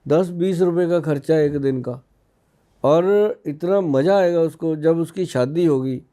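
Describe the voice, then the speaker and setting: A man's voice: a little high, measured pace, warm tone. A man from India in his fifties, an Ayurvedic expert on a podcast, explaining in a folksy way with personal anecdotes. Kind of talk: casual podcast interview.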